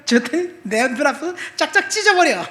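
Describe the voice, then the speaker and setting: A man's voice: extremely high pitch, sing-song, brisk. Storytelling male pastor in an echoey church. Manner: storytelling, swinging between soft asides and loud emphatic appeals. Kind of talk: sermon with personal testimony. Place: church sanctuary.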